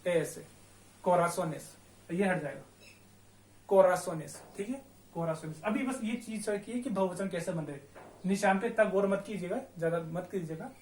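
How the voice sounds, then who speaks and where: A man's voice: sits high, darkish tone, a little hiss or hum. A young man with a Rajasthani Hindi accent teaching a Spanish lesson. He spells words out letter by letter and keeps checking in with his listeners. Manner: repetitive, checks in often with "theek hai". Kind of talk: classroom-style language lesson. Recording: echoey room.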